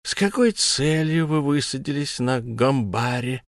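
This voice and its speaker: A man's voice: medium pitch, measured pace, no echo, clean studio sound, voice pushed up, natural voice. A man voicing a smug, menacing humanoid alien interrogator who lisps, in an audiobook. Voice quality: lisping. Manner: mocking, condescending questioning. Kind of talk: audiobook character voice.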